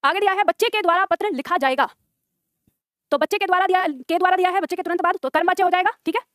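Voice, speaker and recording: A woman teaching a grammar class online, brisk and coaxing, quizzing her students and checking that they follow. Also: very high voice, fairly bright tone, no echo, clean studio sound.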